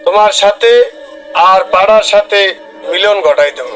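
A man's voice: high-pitched, moderate pace, a bit bright. A man playing a grave, mysterious dervish with a portentous chanting manner and Bangladeshi Bengali accent in a comedy drama. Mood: grave, mystical. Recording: echoing reverb under music.

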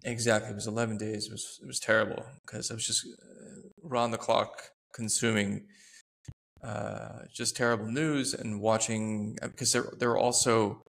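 A man's voice: lowish voice, little pitch movement, normal speed, gravelly, fairly bright tone. A man in his thirties, a podcast host telling a personal story in an earnest, reflective way, often searching for words. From United States.

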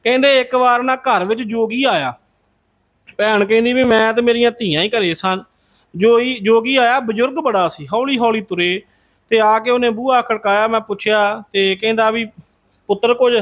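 A man's voice: very high voice, normal speed, fairly bright tone. A man telling a devotional Sikh story in a conversational way, respectfully addressing his listeners as a congregation.

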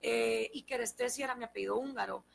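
A woman in her thirties from Guatemala with a Guatemalan Spanish accent, a guest in an interview, telling her family story in a lively way and acting out the dialogue. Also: on the high side, fast talker, vocal fry, a little hiss or hum, low-quality recording. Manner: animated storyteller, acts out quoted dialogue. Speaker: guest, political scientist. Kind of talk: conversational interview.

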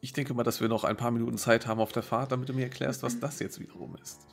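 A man narrating as game master in a tabletop role-playing game over a video call, often pausing to search for words. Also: medium pitch, fairly even intonation, vocal fry, faint music behind.

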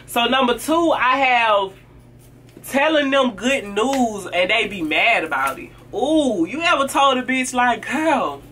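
A woman's voice: a little high, animated, measured pace, a bit bright, slight background noise. A woman vlogger giving blunt, sassy advice about fake friends in casual talk to camera, acting out what friends say. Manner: blunt, sassy, acts out friends' lines in quoted voices.

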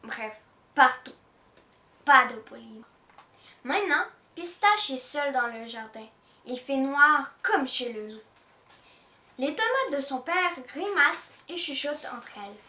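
Slow, expressive woman reading a storybook. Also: high voice. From Canada. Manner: expressive, with small restarts. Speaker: children's book reader. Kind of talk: storybook read-aloud. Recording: roomy echo, distant mic.

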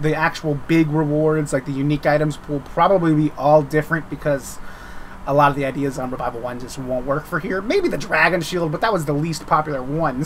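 A man with a slightly higher-pitched voice talks through updates in a loose, informal ramble. He often circles back on his words, like a developer chatting on stream. Faint noise sits behind his voice. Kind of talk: casual unscripted update commentary.

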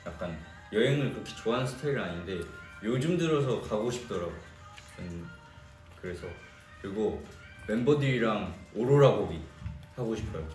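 Young guy from jeolla, chatty livestream talk, lowish voice that bounces around a lot, roomy echo, far off mic, soft music behind. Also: lively intonation, moderate pace. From Jeolla region, Korea. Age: young adult. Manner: chatty, reads and answers fan comments. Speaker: idol singer hosting a fan livestream. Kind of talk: casual livestream chat. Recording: echoey room, distant mic.

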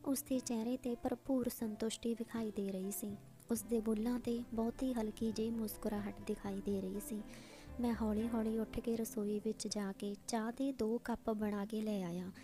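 A woman narrating a story in a steady, scripted reading style. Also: fairly high pitch, normal speed, soft background music.

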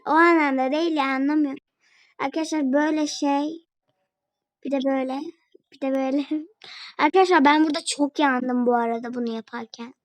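High-voiced young woman chatting through gameplay. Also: dry recording, rough recording. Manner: chatty, talks to viewers and a friend while playing. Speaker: gaming video creator. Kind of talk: casual gameplay commentary. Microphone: phone.

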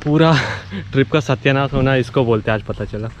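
A man's voice: medium pitch, a little fast, a little hiss or hum. Chatty man vlogging on a forest road. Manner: chatty, addresses viewers directly, teasing. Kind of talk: casual travel vlog narration. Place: outdoors on a muddy forest road.

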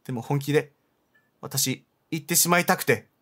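A man reading aloud the lines of a shy, earnest young woman in a horror game, hesitant and soft-spoken. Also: a little high, moderate pace.

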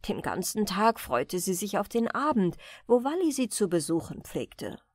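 A woman reading a fairy tale aloud as a soothing bedtime story, in a gentle, expressive manner. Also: medium pitch, moderate pace, no room sound, clean studio sound. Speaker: audiobook reader.

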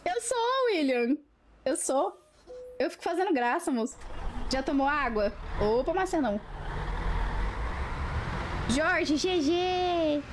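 A woman's voice: sits high, animated, slow pace, pauses often, a little hiss or hum. A woman, chatting playfully with viewers on a live stream through a webcam, teasing and giggling.

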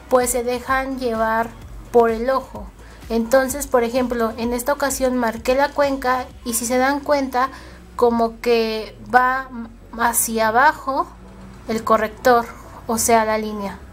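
Chatty Mexican woman teaching makeup. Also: on the high side. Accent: Mexican Spanish. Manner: chatty, addresses viewers as girls. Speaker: makeup tutorial host. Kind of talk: makeup tutorial narration.

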